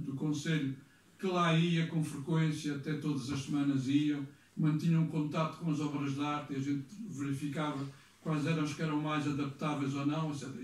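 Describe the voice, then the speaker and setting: A man's voice: on the high side, darkish tone. Older man rambling in an echoey hall. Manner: rambling, halting with restarts. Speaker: former museum director giving a tribute speech. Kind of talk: anecdotal speech at a gathering. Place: hall of a cultural society. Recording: echoey room, mic far off.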